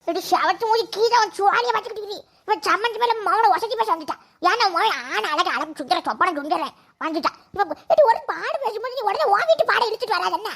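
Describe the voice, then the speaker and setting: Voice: very high-pitched, animated, quick pace, a bit bright, exaggerated voice. A performer voicing a bossy gossiping village aunty in a cartoon, with a Kanyakumari Tamil accent and a chiding manner. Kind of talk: cartoon voice acting.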